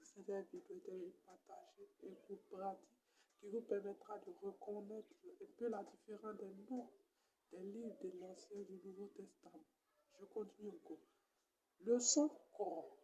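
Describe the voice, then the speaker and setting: Speaking with an Ivorian French accent, a female comedian stages a parody Bible lesson, going over each point slowly as a teacher would. Her pitch is mid-range, and her tone is steady and dark.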